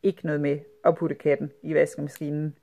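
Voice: medium pitch, little pitch movement, warm tone, close to an everyday voice. Stern mother voiced by the narrator, suspicious, lecturing, firm. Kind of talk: storybook reading.

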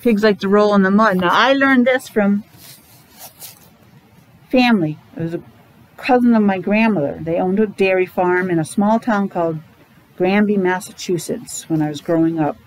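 A middle-aged or older female teacher reads a story to young children in an indoor classroom, her medium-pitched voice at normal speed and slightly muffled by a face mask. She breaks in with chatty explanations and questions, as a preschool or elementary teacher would.

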